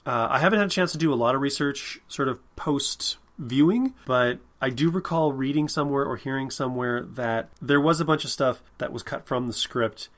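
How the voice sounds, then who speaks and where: Rambling male podcast co-host. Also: mid-range voice. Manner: relaxed, rambling, many fillers and restarts. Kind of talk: casual film review chat.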